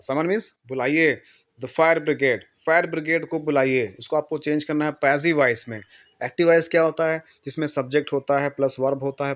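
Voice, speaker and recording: A man teaching English grammar for exams, slowly dictating example sentences, repeating them and quizzing his students. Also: a little high, fairly bright tone. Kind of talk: exam-prep lesson explaining in Hindi.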